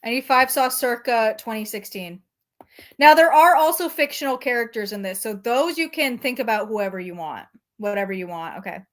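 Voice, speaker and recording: Giggly high-voiced young woman reading aloud. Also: moderate pace. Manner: laughs often through the text, wry asides. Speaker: streamer reading fan fiction aloud. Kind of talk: mock-dramatic reading with casual asides.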